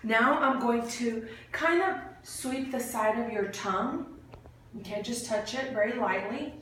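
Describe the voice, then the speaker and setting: A woman's voice: fairly high pitch, unhurried, a bit bright. A woman clinician giving step-by-step exam instructions in an encouraging way, with short bits of praise. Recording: very echoey room, distant mic, faint noise.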